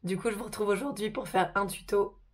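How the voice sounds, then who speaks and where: A woman hosting a casual makeup tutorial, chatty and informal, her voice hoarse from a sore throat. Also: medium pitch, steady tone, brisk, noisy background.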